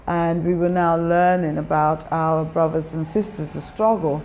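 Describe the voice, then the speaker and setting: An older woman from Guyana with a Guyanese accent, reflecting in a documentary interview, pausing and restarting often. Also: low-pitched, steady tone, a little mellow, a little hiss or hum. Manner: reflective, many pauses and restarts.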